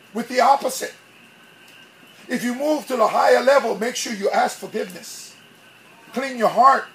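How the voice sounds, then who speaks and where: A man's voice, high for a male, delivers a sermon with lively, theatrical energy, drifting into small acted-out scenes. The pastor is captured on a rough recording with a faint hum of noise underneath.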